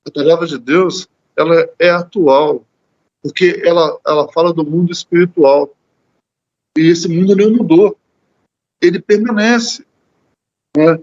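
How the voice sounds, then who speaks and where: A Brazilian man leads a church Bible study in a fairly high voice. He talks earnestly, stumbling over and repeating words as he goes. The audio is dull and lo-fi, like a church livestream. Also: a little slow, long pauses, a little mellow. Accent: Brazilian Portuguese. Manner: earnest, repeats words while searching, often adds "né?". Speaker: lay preacher.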